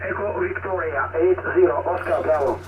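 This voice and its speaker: High-voiced man heard over a ham radio. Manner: reads call signs in phonetic alphabet with hesitant pauses. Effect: heard over a ham radio receiver. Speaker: amateur radio operator. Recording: distant muffled noisy radio transmission.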